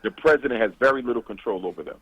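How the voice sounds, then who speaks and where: A man's voice: mid-range voice, expressive, rapid-fire, husky, dry recording, dull audio. A man calling in as a guest to a radio talk show, lecturing emphatically over a call-in line.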